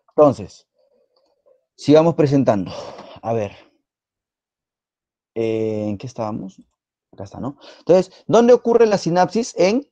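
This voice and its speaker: A man with a Peruvian Spanish accent teaching a live online biology exam-prep class, quizzing students in a playful, teasing way and repeating words rapidly. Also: mid-range voice, mellow, dry recording, lo-fi sound.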